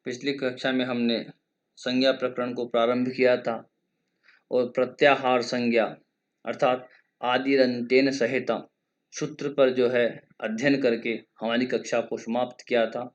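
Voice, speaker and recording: Man teaching Sanskrit grammar, measured. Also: medium pitch, little pitch movement, lo-fi sound. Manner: measured, explanatory, drawn-out vowels when demonstrating lengths; recites Sanskrit rules in a slow chant. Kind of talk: exam-prep grammar lesson.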